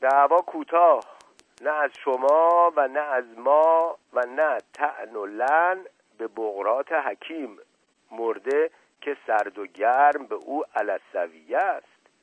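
A man's voice: mid-range voice, no room sound, lightly acted. A man voicing a blunt, dismissive European doctor in a storybook reading, curt and matter-of-fact. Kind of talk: scripted narration. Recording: tinny, dry, phone-like old radio.

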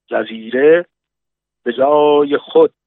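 A man voicing a stern male sergeant who snaps out short, loud commands, heard through a tinny, dry radio broadcast. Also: medium pitch, gravelly, no echo, close to an everyday voice. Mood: commanding. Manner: barked, clipped commands. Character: stern male island sergeant giving orders.

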